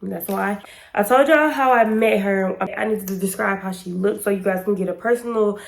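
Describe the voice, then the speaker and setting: Talking casually to camera for her storytime channel, this young American woman in her 20s is chatty, slangy and emphatic. Pollen has left her congested and a bit hoarse; her voice sits mid-range at a normal speed, with slight background noise.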